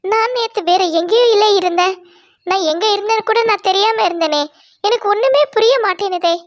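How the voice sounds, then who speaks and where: A woman voicing a timid young bird, very high. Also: a little fast. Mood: worried. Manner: pleading, worried. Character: kind, gentle young female bird, younger sister.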